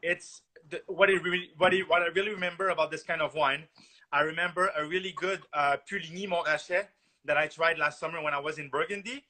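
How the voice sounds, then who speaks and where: Bright-voiced man hosting a halting wine chat. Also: on the high side, steady tone. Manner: halting, many restarts and "uh" fillers. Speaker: podcast host, wine enthusiast. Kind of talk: casual podcast interview.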